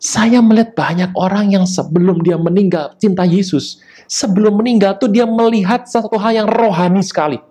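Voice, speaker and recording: A man serving as pastor preaches in an animated manner, marked by brisk asides and sudden, high-pitched moments of emphasis.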